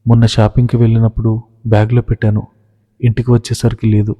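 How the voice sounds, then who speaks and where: A man's voice: medium pitch, completely flat delivery, fast talker, mellow, close to an everyday voice. A man reading as a guilty, pleading young wife. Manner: pleading, apologetic. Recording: reverberant, dull lo-fi recording.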